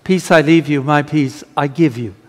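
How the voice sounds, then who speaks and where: A man leading the liturgical prayers of a Mass in a slow, measured intoning voice. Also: fairly high pitch. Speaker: priest celebrating Mass. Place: large church with long reverb. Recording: reverberant church hall.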